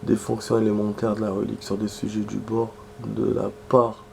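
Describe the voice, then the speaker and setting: There's slight background noise as a gaming streamer, sick with a cold, reads in-game text and chats casually at a normal pace. He clears his throat and mutters asides in a low, gravelly, flat voice.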